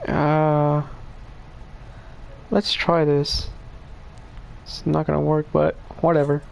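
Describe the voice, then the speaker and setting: A man's voice: a little high, little pitch movement, slow pace, vocal fry, a little hiss or hum. A male streamer giving casual, laid-back gameplay commentary, laughing and cussing as he plays.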